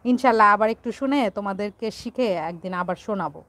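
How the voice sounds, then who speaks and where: A woman's voice: mid-range voice, quick pace, fairly bright tone. A playful, teasing woman from Bangladesh hosting a casual live stream and reading out viewer comments.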